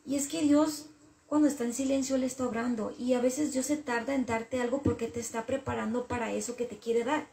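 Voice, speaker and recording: Woman vlogger reflecting on faith, kinda gravelly and mellow, echoey room. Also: on the high side, fairly even intonation, fairly quick. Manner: earnest, repetitive, talks through her frustrations with God.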